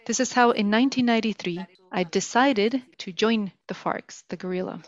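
A woman working as a live interpreter, speaking in the first person for a guest in a steady way with small restarts. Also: medium pitch, normal speed, lo-fi sound.

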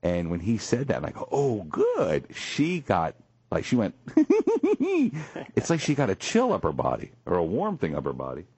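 A male radio show host in a morning talk show, animated and jokey, with a husky voice. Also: moderate pace, no echo. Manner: animated, jokey, swings high for emphasis. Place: radio studio.

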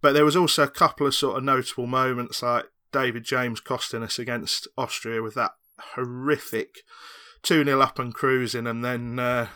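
Panelist, man, bright-toned, rambling and enthusiastic. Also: mid-range voice, fairly even intonation, moderate pace, clear, resonant tone. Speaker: podcast panelist. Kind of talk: casual chat.

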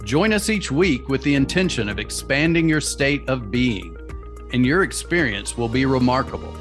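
A man reading a scripted podcast intro in a slow, measured way. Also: medium pitch, expressive, fairly bright tone. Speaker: podcast announcer. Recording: music bed under voice.

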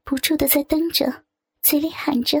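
High-voiced woman narrating a story. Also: fairly even intonation, moderate pace, gravelly, no echo. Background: soft guitar music.

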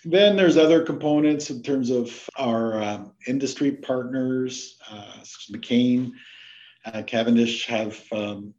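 A man from Canada, a researcher guest on a podcast interview, who explains his work in a halting way with many fillers and restarts. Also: mid-range voice, a little mellow, dull audio. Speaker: plant disease researcher, guest.

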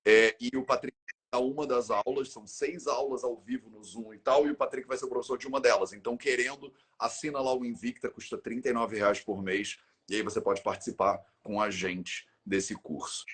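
A man's voice: mid-range voice, fairly even intonation, brisk, a bit bright, breathy edge. A man, hosting a show, who thanks his guest and promotes a course in a casual sign-off. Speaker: podcast host.

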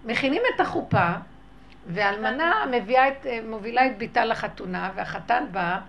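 Gravelly-voiced Israeli woman telling a tale. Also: fairly high pitch, highs cut off, a little hiss or hum. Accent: Israeli Hebrew. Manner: animated storytelling, acts out quoted voices. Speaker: religious teacher.

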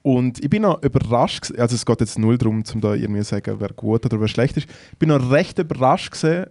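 A young Swiss man with a Swiss German accent, a comedian co-hosting a podcast, who tells stories in a relaxed way and adds dry remarks. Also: medium pitch, fast talker, dry recording. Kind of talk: casual chat.

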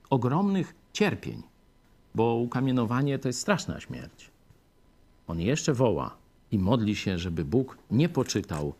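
A man preaching a sermon, emphatic, swinging between raised peaks and low, hushed phrases.

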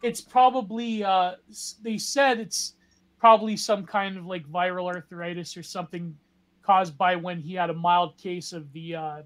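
Male co-host, quite high-pitched, joking casual stream talk. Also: steady tone, moderate pace, a bit bright. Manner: joking, loose. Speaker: podcast co-host. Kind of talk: casual live-stream chat.

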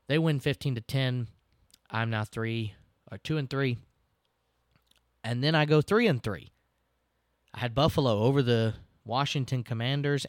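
A man's voice: mid-range voice, dry recording, clean studio sound. A man, hosting a casual sports podcast, recapping games in a chatty, self-deprecating way and laughing now and then.

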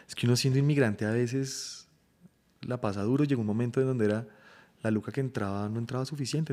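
A man's voice: mid-range voice, dark tone. A man from Colombia, a guest comedian, chatting casually and joking in slangy talk on a podcast. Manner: laid-back, joking, slangy.

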